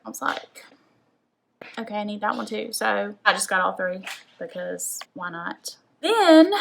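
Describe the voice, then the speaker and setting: A woman's voice: mid-range voice, gravelly, fairly bright tone, a little hiss or hum. A young woman from the American South, chatting casually as a beauty vlogger and saying "like" a lot. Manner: chatty, rambling, says "like" often. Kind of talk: casual makeup haul chat.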